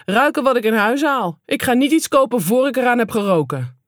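A woman reading an audiobook voices a rowdy, crude young English man with raised, drawn-out demands. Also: on the high side, lively intonation, no echo, studio quality, pitched above the performer's own voice, lightly acted. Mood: brash.

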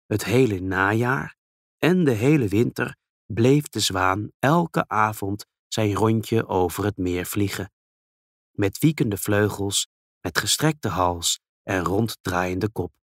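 Guy reading a kids story real slow and calm, dry close sound, lowish voice. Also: dry recording. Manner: calm, gentle, unhurried storytelling.

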